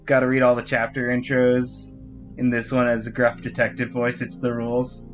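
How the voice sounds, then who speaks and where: Over faint background music and a muffled recording, a man with a medium-pitched voice comments on a puzzle game he's streaming. His delivery is completely flat at normal speed, and he rambles with frequent restarts and self-corrections.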